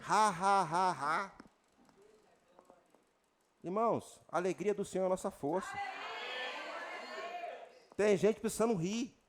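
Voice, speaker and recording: A Brazilian man with a Brazilian Portuguese accent, a pastor preaching a lively sermon with jokes and sudden loud declarations at a church retreat. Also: sits high, slow pace, long pauses, slight background noise.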